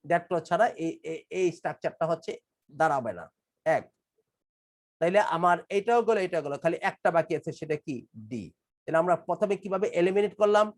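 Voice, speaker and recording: A man from Bangladesh, an English teacher, giving a live online class lecture. He explains step by step, repeats key phrases, and reads English test sentences slowly, word by word. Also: high voice.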